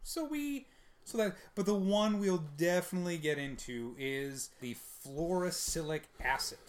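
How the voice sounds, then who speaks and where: A man co-hosting a podcast in casual chat, animated, often jumping into mocking voices to quote people. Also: high-pitched, normal speed. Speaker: podcast co-host.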